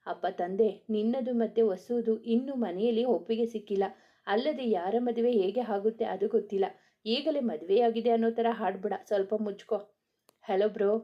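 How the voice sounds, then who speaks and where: A woman reading a romance story aloud, voicing all the characters' lines herself in a steady narrating voice. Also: medium pitch, dull audio.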